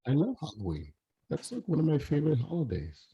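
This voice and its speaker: A man's voice: fairly high pitch, wildly swooping pitch, a little fast, warm tone, highs cut off. A man co-hosting a casual podcast chat while sick with a sore throat, trading laid-back, defensive banter with his friend over a video call. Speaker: podcast co-host.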